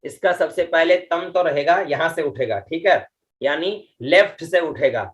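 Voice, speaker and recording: A middle-aged man teaching Vedic chanting, drawing out each syllable and patiently repeating checks to his class. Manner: slow, drawn-out chanting of mantra syllables with pitch-accent explanations; patient, repeats "ठीक है" and "है ना" often. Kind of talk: online class lesson.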